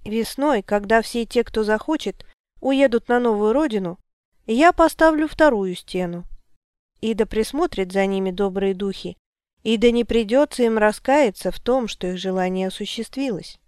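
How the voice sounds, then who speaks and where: Woman voicing a commanding male wizard, calm, resolute, firm declarations, clear smooth voice, dry sound. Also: medium pitch, moderate pace, dry recording, natural voice. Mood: solemn. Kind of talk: audiobook character reading.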